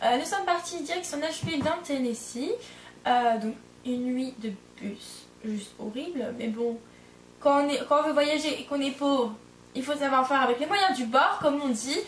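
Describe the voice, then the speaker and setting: At a moderate pace and a high-sitting pitch, a young Frenchwoman in her twenties, an au pair, rambles through a casual vlog, often using fillers and correcting herself. The mic is distant, the room echoes, and there's a little hiss or hum.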